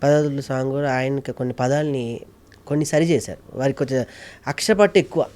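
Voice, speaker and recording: A man's voice: medium pitch, brisk, darkish tone. A man being interviewed, talking earnestly and emphatically, often repeating phrases for effect. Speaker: guest, mimicry artist and ventriloquist. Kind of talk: casual interview talk.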